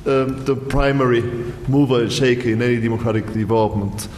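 Male panelist, measured and explanatory, echoey hall with faint hiss. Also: medium pitch, fairly even intonation, darkish tone. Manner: measured, explanatory, with frequent ums. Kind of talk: panel discussion answer. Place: large hall.

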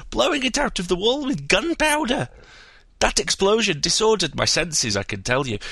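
A man doing a high, excitable tall-tale teller. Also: dry recording, exaggerated voice. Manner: breathless, rising to high excited pitch. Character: excitable adult man spinning a wild tale.

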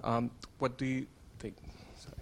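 A man from Morocco speaks up from the audience at an even middle pitch. He sounds hesitant, leaning on fillers as he explains his work before asking his question. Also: normal speed, gravelly, slight background noise. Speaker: audience member and campaigner.

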